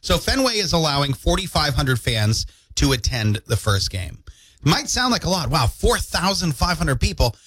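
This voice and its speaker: A man's voice: on the high side, moderate pace. A man in his thirties co-hosting a morning radio show, telling stories and joking playfully. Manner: playful, animated storytelling with jokes. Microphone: studio mic.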